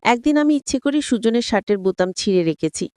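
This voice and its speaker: A woman's voice: on the high side, expressive, quick pace, dark tone, smooth, dry recording, studio quality. Woman telling a first-person story. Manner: addresses listeners directly.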